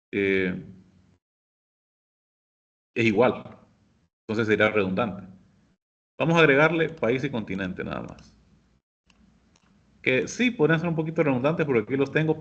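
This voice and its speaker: A man teaching a software class, explaining each step patiently and speaking directly to his students. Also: mid-range voice, dull audio. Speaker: instructor. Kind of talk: screen-share software lesson.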